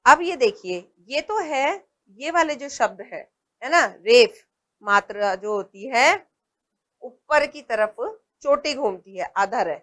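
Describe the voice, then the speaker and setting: A woman teacher giving a patient lesson to young children, saying each word slowly and often stopping to check with them. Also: a little high, lively intonation, fairly bright tone. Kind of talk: slow primary-school lesson.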